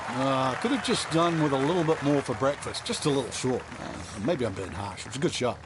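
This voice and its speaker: A man's voice: medium pitch, expressive, fairly quick, crowd noise, noisy background, close to an everyday voice. A man playing an easygoing golf analyst, giving conversational, explanatory commentary on the course. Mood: relaxed, advisory.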